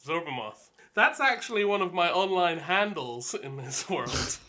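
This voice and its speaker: Man, tabletop player, high pitch, very bright tone, playful. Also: expressive, unhurried. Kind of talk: in-character improv play.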